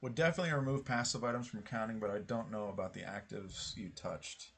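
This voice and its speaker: A man live-streams gameplay, chatting casually with viewers, thinking out loud, and swearing now and then. His lowish, gravelly voice is fast and steady, with a fairly bright tone.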